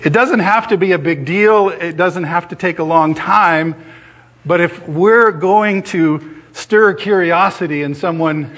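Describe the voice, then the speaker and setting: A man's voice: sits high, unhurried, fairly bright tone. A middle-aged man preaching a sermon in a conversational way, telling a story with restarts and fillers and acting out the voices in it.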